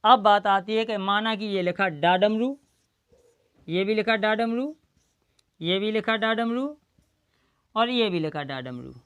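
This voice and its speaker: A woman's voice: medium pitch, a little slow, pauses often, a bit bright, clean tone, muffled recording. A woman teaching Hindi pronunciation in a classroom style. She asks her own questions, answers them, and spells out the letter sounds one by one. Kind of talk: slow classroom-style lesson.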